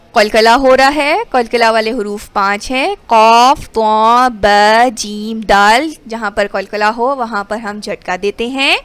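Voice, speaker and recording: A woman teaching Quran recitation rules, explaining quickly and then reciting verses slowly and drawn out. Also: fairly high pitch, smooth, no room sound. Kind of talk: tajweed lesson with recitation.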